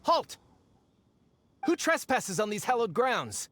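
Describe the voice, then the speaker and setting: A woman's voice: a little high, big pitch swings, slow pace, a bit bright, a little hiss or hum, heavily acted. A woman playing a stern, dutiful guard in a video game, formal and challenging. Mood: commanding. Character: stern, dutiful sentry guarding hallowed grounds.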